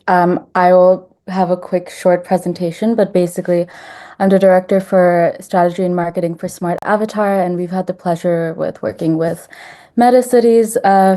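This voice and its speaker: A woman who grew up in Denmark, giving a webinar presentation over a video call in a steady, explanatory way. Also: on the low side. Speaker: startup marketing director presenting.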